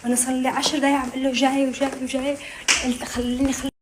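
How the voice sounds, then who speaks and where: Quick, high-voiced Levantine woman vlogging. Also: flat delivery, heavy background noise. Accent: Levantine Arabic. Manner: chatty, fast and playful, often trailing off softly. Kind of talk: casual vlog talk to camera.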